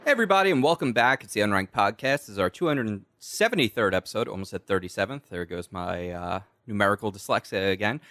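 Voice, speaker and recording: A man's voice: lowish voice, expressive, quick pace, few pauses, a bit bright. A young man hosting a podcast in loose, joking casual chat over a call. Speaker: podcast host.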